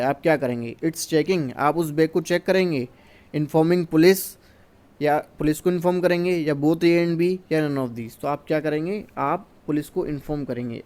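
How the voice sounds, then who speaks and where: Mellow-voiced Indian man teaching exam answers. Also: fairly high pitch. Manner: reads English questions slowly, explains in Hindi. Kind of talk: exam question walkthrough.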